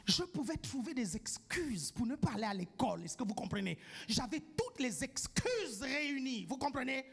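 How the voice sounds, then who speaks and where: Very high-voiced man preaching emphatically. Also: very animated, moderate pace, creaky, husky. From grew up outside France. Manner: emphatic, keeps asking the congregation "do you follow?"; bursts into shouting for emphasis. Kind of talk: sermon.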